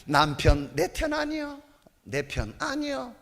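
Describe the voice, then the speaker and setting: A woman voicing a fed-up middle-aged wife who loudly gripes and swears about her husband in a comic church skit. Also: on the high side, huge pitch swings, slow, vocal fry, voice pushed down, heavily acted. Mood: aggrieved. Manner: loud, coarse, swearing complaints. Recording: long hall reverb.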